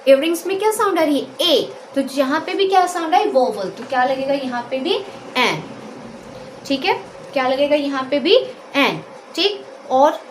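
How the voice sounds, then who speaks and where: High-voiced Indian woman teaching in an echoey room. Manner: repetitive call-and-answer questioning. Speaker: English teacher. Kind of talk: classroom grammar lesson. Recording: echoey room with faint noise.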